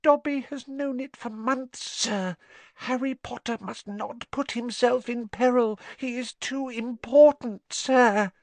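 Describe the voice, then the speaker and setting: A performer voicing a small male house-elf, servile and anxious, with a squeaky, fretful, reverent way of speaking for a storybook. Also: steady tone, slow, dry recording. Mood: fearful, secretive. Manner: reverent third-person speech, fretful.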